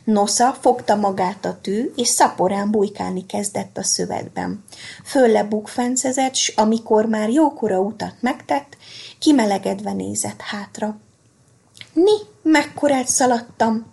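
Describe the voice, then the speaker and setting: Husky gravelly woman reading a storybook. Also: medium pitch, expressive, mellow. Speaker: reader. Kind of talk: storybook narration.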